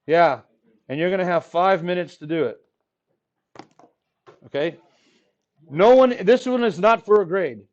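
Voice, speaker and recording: In a dull, lo-fi classroom recording, a man in his forties from Texas's Rio Grande Valley teaches high school math. His voice is a bit hoarse, his pace measured with long pauses, and he jokes playfully with the class as he lectures.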